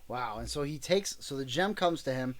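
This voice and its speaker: Speaking with a medium-pitched, expressive voice at a moderate pace, a dad runs a relaxed podcast. He coaxes his child along with gentle questions, then closes by cheerfully reminding listeners of something.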